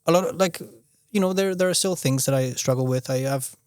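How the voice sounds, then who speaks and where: A young Austrian man appears as a podcast guest in a casual interview, often restarting sentences and leaning on "you know." His voice is a little high and a little mellow with a clean tone, and he talks fairly quickly. The recording is clean studio sound with no room sound.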